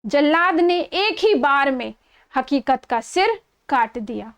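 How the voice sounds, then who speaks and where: A woman's voice: high voice, animated, takes it slowly, a bit bright. A woman reading a life story aloud, explaining words and repeating verses.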